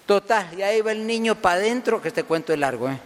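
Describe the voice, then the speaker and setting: Male preacher, high lively voice, storytelling sermon, long hall reverb. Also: fast talker. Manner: animated storyteller hushing listeners, voicing animals.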